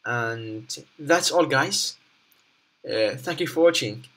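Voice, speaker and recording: A man presenting an unscripted screen tutorial step by step, haltingly, often repeating and rephrasing his instructions. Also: mid-range voice, animated, a bit bright.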